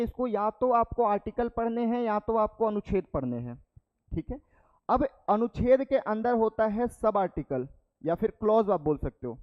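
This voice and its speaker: A man's voice: high-pitched, muffled recording. A young male teacher giving a classroom lecture, explaining step by step and checking in with the class after each point. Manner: explains step by step, repeats terms, checks with "ठीक है".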